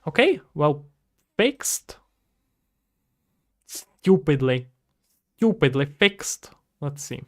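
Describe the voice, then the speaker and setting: A high-ish male voice swings widely in pitch, drawing out words and leaving long pauses. The speaker, a native Czech speaker from the Czech Republic in his twenties, is a streamer and indie game developer chatting casually on a livestream at his indoor computer, thinking aloud to himself and his viewers.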